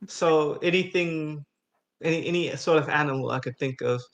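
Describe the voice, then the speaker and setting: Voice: mid-range voice, normal speed. Hesitant tabletop player. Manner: hesitant, many restarts and fillers. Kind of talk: casual tabletop game play.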